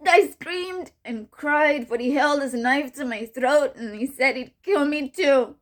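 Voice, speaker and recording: A young mother mourns her murdered baby, voiced by a woman rehearsing a monologue. Her high, breathy voice trembles with tears and keeps falling to a whisper. She is raw and anguished. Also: steady tone, a little slow, a little mellow. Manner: tearful, sliding into whispers.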